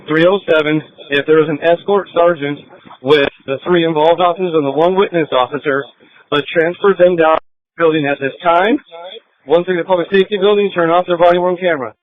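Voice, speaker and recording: A man's voice: a little high, fairly even intonation, no echo. Man giving orders over police radio. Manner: brisk, clipped radio codes. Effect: police radio transmission. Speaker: police officer commanding a scene. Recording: tinny dry police radio.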